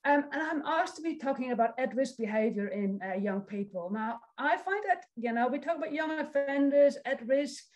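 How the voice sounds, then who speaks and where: Speaking in a high, expressive, slightly mellow voice at a moderate pace with hardly any pauses, this forties-aged lecturer in social work from the Netherlands addresses a youth summit online over a video call. Her Dutch accent shows as she stays friendly and encouraging, reading audience comments aloud.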